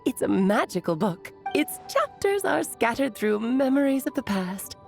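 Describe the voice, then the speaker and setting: High, lilting, mischievous witch. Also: big pitch swings, moderate pace, gravelly, soft background music. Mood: playful, explaining. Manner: teasing, airy, theatrical. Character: playful, mischievous, worldly witch, doting and theatrical. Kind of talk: video game voice acting.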